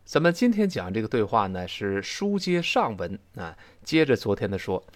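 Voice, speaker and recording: A man teaching a spoken English lesson, explaining pronunciation and slowly repeating model phrases. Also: fairly low pitch, big pitch swings, no echo. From China.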